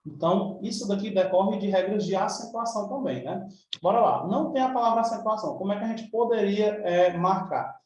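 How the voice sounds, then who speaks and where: A man's voice: high-pitched, brisk, darkish tone, very echoey, recorded from a distance, lo-fi sound. A man with a Brazilian Portuguese accent teaching an exam review lesson in a chatty, informal way, checking in with his students often. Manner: chatty, informal, frequent tag questions.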